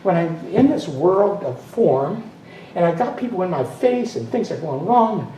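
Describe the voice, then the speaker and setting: A man's voice: sits high, animated, a little slow, mellow, slight background noise. Male minister, rambling sermon delivery, chuckling asides, distant mic, echoey room. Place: spiritual center meeting room. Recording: roomy hall from a distance, faint ambience.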